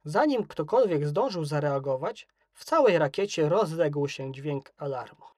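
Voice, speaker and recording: Even-toned children's story narrator. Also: medium pitch, a little slow, no echo, studio quality.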